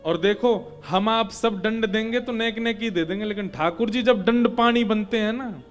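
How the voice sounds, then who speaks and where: A male preacher giving a devotional story sermon, narrating with animated storytelling and chanting scripture verses. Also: sits high, normal speed.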